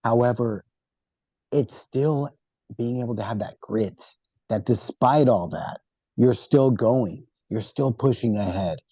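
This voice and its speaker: A man's voice: medium pitch, takes it slowly, dark tone, slightly rough, dry recording. A man co-hosting a casual talk show, speaking in an emphatic, affirming way. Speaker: podcast co-host. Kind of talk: casual conversation. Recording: dull dry lo-fi sound.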